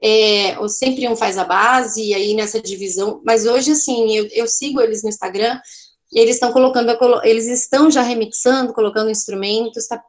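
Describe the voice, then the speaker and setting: Brazilian woman giving an art lesson, kinda high voice, talky, keeps asking "tá?". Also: fairly even intonation, fairly quick. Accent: Brazilian Portuguese. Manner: chatty, explanatory, frequent "tá?" checks, self-corrections. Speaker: teacher. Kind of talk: online art class lecture.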